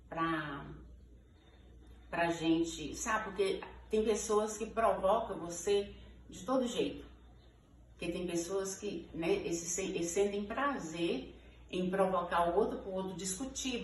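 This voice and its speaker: A sixty-five-year-old teacher from Ferros, Minas Gerais, Brazil, speaks with a Minas Gerais Brazilian Portuguese accent as she answers informal interview questions. Her medium-pitched voice is conversational, and she keeps checking in with tags like "né" and "sabe." The recording has an echoey room, a distant mic, and background noise.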